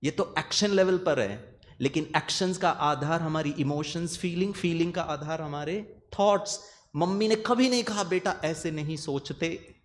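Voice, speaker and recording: A man with a slightly raised pitch gives a meditation talk to a listening audience. He speaks earnestly and keeps repeating his key phrases for emphasis. He drops English words into his sentences as he goes. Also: normal speed.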